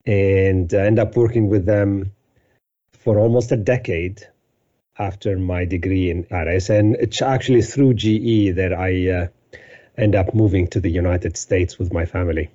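A man's voice: deep voice, fairly even intonation, moderate pace, mellow, highs cut off. A man in his fifties from Lebanon, a company CEO telling his career story as a podcast guest in a detailed, conversational way. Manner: detailed storytelling with frequent fillers. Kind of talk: conversational interview answers.

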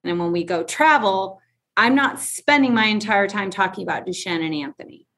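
A woman's voice: medium pitch, moderate pace, a bit bright. A woman in her forties, a guest in an interview, speaking bluntly and frankly with emphasis. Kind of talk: conversational interview.

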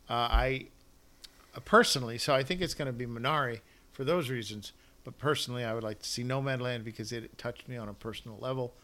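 A man's voice: medium pitch, a bit bright. A man co-hosting a casual movie-awards podcast, rambling and losing his thread, then correcting himself. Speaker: podcast co-host. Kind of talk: casual film-awards chat.

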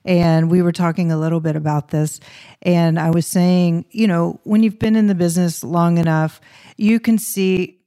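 Woman, interview host, lowish voice, curious, long questions. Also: warm tone. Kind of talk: casual interview talk.

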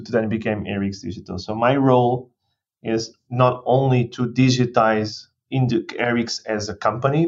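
A man in his thirties from Portugal, a guest executive talking through his career in a podcast interview, thoughtful and given to restarts. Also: on the low side. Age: 30s. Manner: thoughtful, with restarts and non-native phrasing. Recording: dull lo-fi sound.

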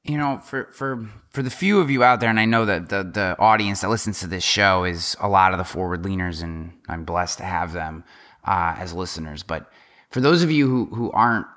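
Bright, emphatic male podcast host. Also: low voice, normal speed. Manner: energetic, emphatic, repeats words and restarts. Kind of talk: casual podcast interview.

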